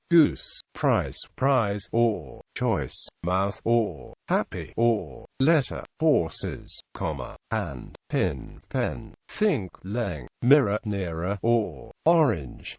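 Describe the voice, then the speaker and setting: A man with a fairly low voice reads an encyclopedia-style script very slowly. He takes it word by word, pausing between items and speaking punctuation aloud, while his pitch moves widely in a dry, close sound. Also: dry recording. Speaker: narrator reading an encyclopedia article. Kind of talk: scripted narration, read aloud verbatim.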